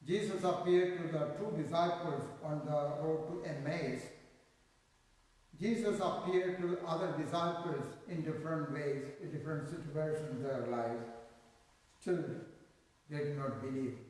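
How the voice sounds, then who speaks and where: Male priest, higher-pitched, solemn liturgical delivery, heard from a distance in deep cathedral echo. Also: unhurried, darkish tone. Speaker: priest celebrating Mass. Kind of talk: liturgical reading and homily. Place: large echoing church. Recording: cathedral echo, long reverb, distant microphone.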